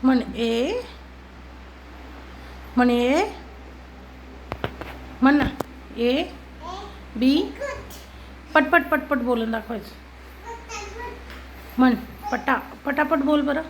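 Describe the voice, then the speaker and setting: Woman, high voice, slow and patient, gently coaxing parent at home, phone-recorded. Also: slight background noise, poor audio. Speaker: parent filming a toddler. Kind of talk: coaxing a small child on camera. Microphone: phone camera.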